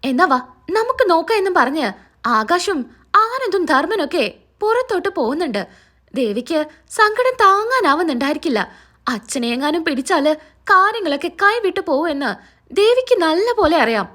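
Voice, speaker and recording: High, lively woman recapping a serial. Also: moderate pace. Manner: lively storyteller voicing every part herself. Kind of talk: retelling a TV serial episode.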